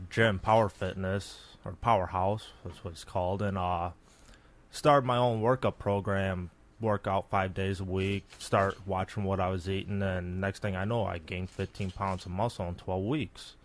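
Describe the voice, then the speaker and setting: A man's voice: sits low, steady tone, normal speed. A young man who is a guest on a radio show, answering in a laid-back, hesitant way with fillers. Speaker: studio guest. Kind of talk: casual radio interview.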